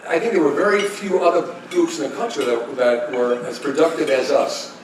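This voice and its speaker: Man in his 60s telling stories at a banquet, stumbles and chuckles, echoey, clear kitchen noise behind. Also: a little high, animated. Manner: storytelling, chuckling, halting restarts. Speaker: speaker giving a tribute talk. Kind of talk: anecdotal tribute speech. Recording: echoey room, distant mic, kitchen clatter.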